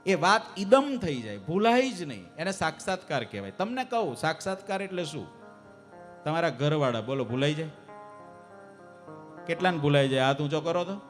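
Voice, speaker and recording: Man, high voice, devotional sermon, quizzes the crowd, faint music behind. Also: big pitch swings, normal speed. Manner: asks the audience questions and urges louder answers. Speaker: preacher. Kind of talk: devotional sermon to a live assembly. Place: temple assembly hall.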